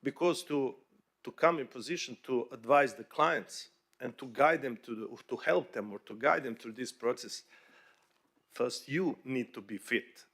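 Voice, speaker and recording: On a conference panel, a bank executive from Bosnia talks in English with a middle-pitched, fairly bright voice. His delivery is halting and conversational, full of fillers and restarts.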